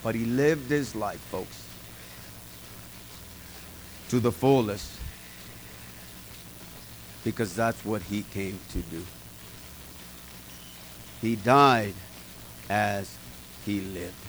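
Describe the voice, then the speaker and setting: A middle-aged male pastor gives an informal sermon to a small group, his voice on the low side and his pace slow with long pauses. He is folksy and emphatic, speaking directly to the congregation. The low-quality recording carries slight background noise.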